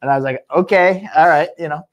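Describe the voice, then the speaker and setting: A man's voice: a little high, fast talker. A man co-hosting a fight-promotion podcast, talking casually and rambling through fighter background stories, often laughing.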